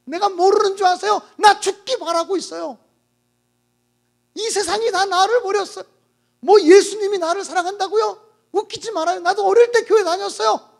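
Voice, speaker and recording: A preacher acting out a bitter, desperate young woman dying of lung disease, shouting and sobbing her accusations. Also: very high-pitched, fairly even intonation, moderate pace, creaky. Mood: scornful.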